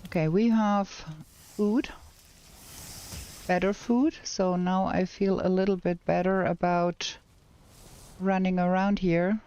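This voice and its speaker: Thinking aloud as she plays, a German-accented woman streams a game and chats with her viewers and herself in casual commentary. Her fairly low voice is mellow, smooth, and level, and she takes it slowly with long pauses. The sound is lo-fi.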